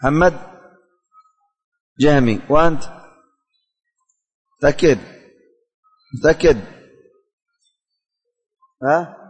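A man's voice: mid-range voice, long reverb tail. A man teaching a religious studies class, calling on students by name, asking questions and repeating the answers.

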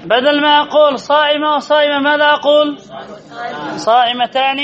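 High-voiced male teacher quizzing a class. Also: steady tone, a little fast, a bit bright, muffled recording. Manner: repeats answers, quizzes the class. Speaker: Arabic grammar teacher. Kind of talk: classroom lesson with questions to students.

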